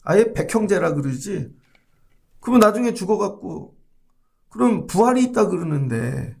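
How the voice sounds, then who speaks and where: A man preaching a dawn sermon as a pastor, with a fairly high voice and a gravelly edge. He talks to the congregation conversationally and keeps asking them questions. He acts out short everyday dialogues to make his points. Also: a little mellow.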